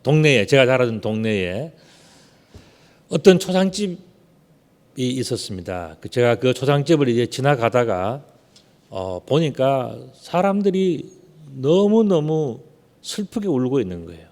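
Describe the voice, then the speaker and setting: A man preaches from the pulpit in a mellow, relaxed tone. He keeps the sermon conversational, with rhetorical questions and drawn-out words for emphasis. His voice carries a long reverb from the church hall. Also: mid-range voice. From Gyeongsang region, South Korea. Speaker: pastor. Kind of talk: Sunday sermon with personal storytelling. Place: church sanctuary. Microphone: unmasked behind a screen at the pulpit.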